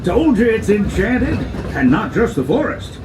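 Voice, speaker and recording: A man's voice: sits high, sing-song, measured pace, heavy background noise. A man playing a folksy, cheerful train guide, calling out scripted ride narration like a theatrical conductor. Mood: folksy wonder. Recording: echoey, distant, loud music over train. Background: loud music, train.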